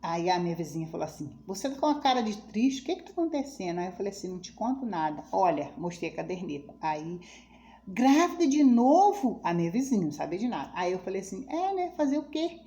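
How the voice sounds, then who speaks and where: A woman's voice: on the low side, lively intonation, fast talker, few pauses, warm tone. A middle-aged woman telling her own life story as a testimony, emotional and acting out what others said. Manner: emotional, quotes others' speech, pleading religious tone.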